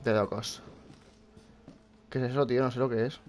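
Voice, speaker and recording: A man's voice: mid-range voice, steady tone, normal speed, darkish tone. A young man with a Spain Spanish accent giving casual live commentary as he plays a horror game, swearing often and speaking to his viewers. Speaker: gameplay streamer.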